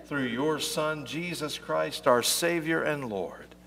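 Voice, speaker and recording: A man's voice: on the high side, slow pace, creaky, a little hiss or hum. A pastor leading worship, chanting the liturgy and praying in a large church, his voice carrying a cathedral-like echo. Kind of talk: sung liturgy and spoken prayer. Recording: echoey church from far off with loud organ music. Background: loud worship music.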